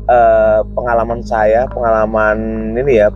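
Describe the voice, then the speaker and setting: A man from Yogyakarta, telling a personal story as a guest in a casual chat, pausing often with "eh" fillers and restarting phrases. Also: fairly low pitch, flat delivery, muffled recording, faint music behind. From Yogyakarta, Indonesia. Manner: hesitant, many "eh" fillers and restarts.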